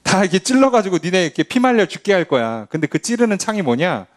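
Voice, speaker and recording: A male pastor leading a midweek Bible study, teaching in a conversational, animated way and acting out quotes. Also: high-pitched, fast talker. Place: church.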